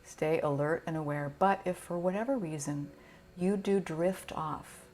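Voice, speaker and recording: In a fairly low pitch, a yoga nidra teacher walks listeners through relaxation. She speaks gently and soothingly at a leisurely pace, with pauses along the way.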